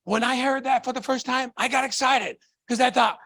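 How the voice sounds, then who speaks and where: High-voiced fervent man. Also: fairly even intonation, a little fast, vocal fry, pushed and bright, dry recording. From Tonga. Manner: fervent, fires rhetorical questions at the audience. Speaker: motivational speaker. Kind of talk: motivational stage talk.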